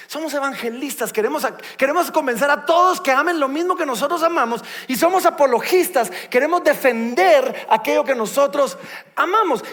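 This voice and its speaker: A man delivers a sermon, reading scripture and retelling the stories with playful humor. His voice sits very high for a man. The long reverb of a church sanctuary trails behind every phrase. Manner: animated, reads scripture aloud and retells it with humor. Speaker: preacher.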